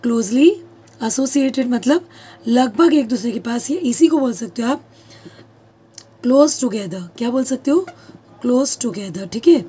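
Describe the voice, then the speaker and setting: A woman's voice: on the high side, expressive, unhurried, pauses often, mellow, breathy edge. A woman teaching a lesson who asks questions, answers them herself and repeats key terms, speaking words. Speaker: English teacher. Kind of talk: classroom-style lesson.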